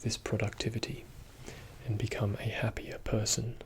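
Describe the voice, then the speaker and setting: A man giving a soothing, reassuring ASMR pep talk in a soft-spoken, often whispered voice, slow and deliberate. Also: on the low side, completely flat delivery, low-quality recording. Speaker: ASMR video host.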